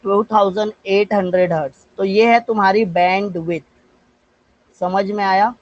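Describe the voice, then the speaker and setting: Indian guy teaching physics online, kinda high voice, dry dull lo-fi sound, keeps quizzing himself and saying students' names. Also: steady tone, no echo. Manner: asks and answers his own questions, mixes English terms into Hindi; slows down to dictate English definitions. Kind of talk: live online class lecture.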